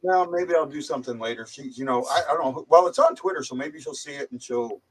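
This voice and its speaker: A man of middle pitch talks loosely through a muffled, speakerphone-like sound, as if the mic sits some way off. He has a slight head cold. He rambles and often repeats himself as he hosts a casual chat. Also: quick pace, fairly bright tone, distant mic. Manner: rambling, hesitant, stumbling repeats. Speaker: livestream host.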